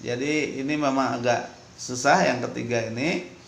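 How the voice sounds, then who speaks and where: A man teaching an English lesson, slow and patient, repeating each sentence for learners. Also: medium pitch, fairly even intonation, creaky. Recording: echoey room, faint ambience.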